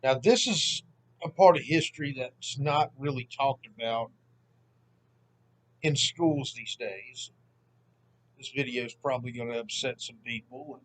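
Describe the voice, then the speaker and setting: Seated at home, a 30-something history channel host from southern Mississippi drifts through a casual vlog with relaxed, self-deprecating humor. He uses a mid-range voice at a measured pace with long pauses, recorded on poor audio.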